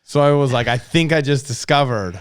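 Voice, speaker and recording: A man co-hosting a casual podcast, animated and quick to laugh, demonstrating a snack recipe. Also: medium pitch, clear, resonant tone. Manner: animated, laughs often, talks with mouth full. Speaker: podcast co-host. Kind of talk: casual chat.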